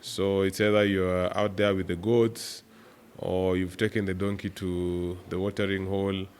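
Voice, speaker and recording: A man from Kenya, a guest on a podcast, telling stories about growing up on a farm in a relaxed, animated way, with laughs along the way. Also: sits low, unhurried, slight background noise. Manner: animated storyteller who laughs while telling anecdotes. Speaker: podcast guest, startup executive. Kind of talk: relaxed storytelling interview.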